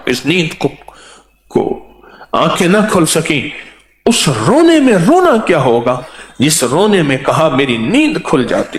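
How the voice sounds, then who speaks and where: A man delivering a devotional sermon, chanting verses with a lively, swooping pitch. He speaks slowly and draws out his lines, and the sound rings with a roomy echo. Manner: chants verses and couplets in a melodic, repetitive way; emotional, drawn-out delivery with soaring pitch. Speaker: preacher.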